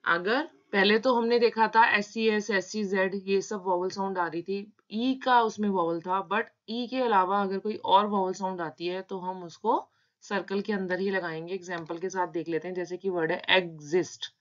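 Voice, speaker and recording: A woman's voice: mid-range voice, steady tone. A woman teaching shorthand in a tutorial, patiently breaking words into their sounds. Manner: slow, patient, spelling out sounds. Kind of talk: step-by-step tutorial explanation. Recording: dull lo-fi sound.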